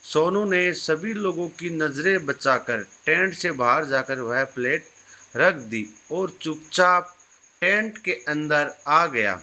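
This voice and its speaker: Male storyteller, calm and measured, slow delivery, bright tone. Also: on the high side, muffled recording. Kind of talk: scripted moral story narration.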